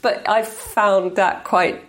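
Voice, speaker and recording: A woman entrepreneur with a slightly croaky voice, talking hesitantly and modestly in a casual interview. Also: medium pitch, steady tone, takes it slowly, fairly bright tone. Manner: hesitant, self-deprecating, laughs often. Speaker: guest entrepreneur.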